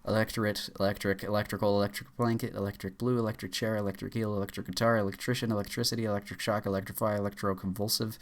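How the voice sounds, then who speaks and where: Low-voiced man rattling off a word list. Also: flat delivery. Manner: rushed, stumbling with frequent uh fillers and restarts. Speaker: YouTuber. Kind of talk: rapid-fire reading aloud of a word list.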